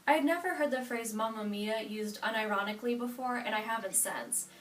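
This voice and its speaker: An eighteen-year-old woman from Nebraska reads a prepared personal narrative from note cards, steady with small self-corrections. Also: fairly high pitch, a little fast, a little hiss or hum. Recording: roomy sound from a distant mic.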